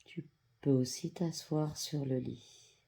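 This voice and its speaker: Leading a guided yoga nidra meditation, the guide has an androgynous, mid-range voice with a gravelly texture. The soft instructional narration is calm, soothing, and measured, leaving long pauses.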